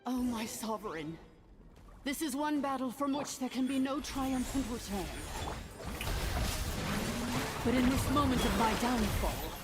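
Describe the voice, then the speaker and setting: A high, imperious female video game ruler, full of vengeful pride. She makes grand, theatrical pronouncements as though granting a terrible wish. Faint music plays underneath. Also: expressive, normal speed. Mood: bitter, defiant. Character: proud, vengeful fallen female dragon ruler, grandly wrathful.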